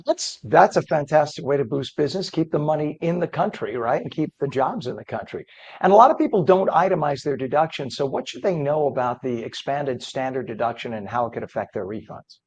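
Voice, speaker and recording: A hoarse man with a croaky frog voice, hosting live news in a chatty, halting way and interviewing a guest. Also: a little high, animated, a little mellow. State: hoarse, struggling with voice. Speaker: news host.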